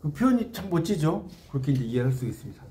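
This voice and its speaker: A man with a high voice teaches a class, his pitch rising and falling in wide, lively swings. He keeps turning to the room with questions and explains each line of a classical poem in plain words. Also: fast talker. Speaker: literature lecturer. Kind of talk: classroom lecture on classical poetry.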